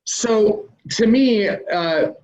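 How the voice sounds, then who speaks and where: A man's voice: high voice, extremely slow, a little mellow. A man being interviewed as a real estate investor, explaining business ideas conversationally with plenty of "um" and "uh". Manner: conversational, explains step by step with many "um" and "uh" fillers. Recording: dull lo-fi recording.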